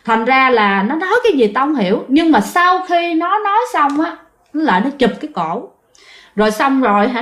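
A woman with a Southern Vietnamese accent, casually telling a ghost story and speaking straight to her listeners. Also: on the high side. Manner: chatty, addresses listeners directly, frequent fillers.

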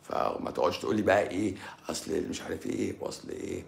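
Low-voiced and quick, this man speaks with an Egyptian Arabic accent, his intonation fairly flat and his delivery full of vocal fry, with audible room echo. He's chatting casually on a livestream as a doctor fielding viewer questions, blunt and teasing, at times sinking into a mutter. The sound comes through a livestream mic.

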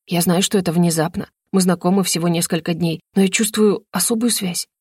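Woman voicing a quiet stubborn young shaman. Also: steady tone, slightly rough, no room sound, clean studio sound. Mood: earnest, halting. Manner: slow, low and soft-spoken.

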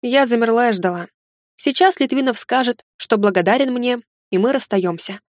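A woman reading a first-person romance audiobook in a calm, intimate storytelling manner. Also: fairly high pitch, moderate pace, no echo, clean studio sound. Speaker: audiobook narrator.

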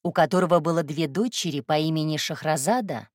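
Low-voiced woman calmly narrating a storybook. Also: a little fast, no echo, clean studio sound. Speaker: audiobook narrator. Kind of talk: scripted first-person narration.

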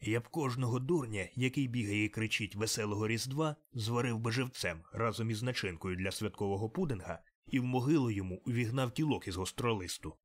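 A stingy old miser who snaps and grumbles at everyone, as a male reader plays him. Curt and gruff, kept close to the reader's own middle-pitched voice in this storybook reading. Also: fairly quick, few pauses, close to an everyday voice. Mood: indignant. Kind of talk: audiobook character reading.

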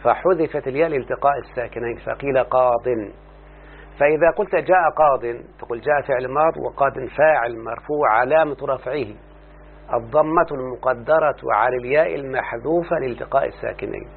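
Egyptian male teacher, slow and deliberate, keeps quizzing the student, phone-like sound with a faint hum. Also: medium pitch, vocal fry. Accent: Egyptian Arabic. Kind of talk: Arabic grammar lesson.

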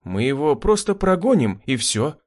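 Man playing a compassionate young woman, sharp, high voice, lively. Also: moderate pace. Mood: caring. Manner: caring but sharp.

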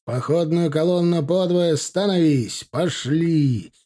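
A man's voice: mid-range voice, moderate pace, mellow, natural voice. A man voicing a young dragoon officer who barks short battlefield commands in a storybook. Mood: gruff.

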